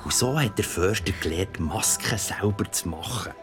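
In an audio drama, a man with a Swiss German accent plays a father telling his child a creepy bedtime story, narrating in a mysterious, theatrical, suspenseful way and sometimes whispering. His voice is fairly low and close to everyday speech, at a normal speed, with music playing behind him.

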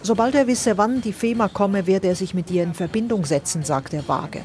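A woman reporter reading a scripted radio news report in a measured, dryly commenting manner. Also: medium pitch, darkish tone, faint music behind.

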